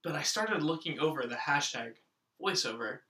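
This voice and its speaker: An echoey, slightly distant recording of a male podcast host chatting casually. His voice is a bit high and very sharp, with crude, sweary delivery. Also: lively intonation, moderate pace. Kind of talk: casual comedic chat.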